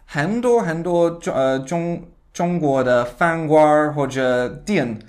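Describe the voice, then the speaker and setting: A man with a foreign accent speaking Mandarin as a second language in a casual interview, halting, with learner phrasing. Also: on the high side. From outside China. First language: not Mandarin. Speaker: interview guest.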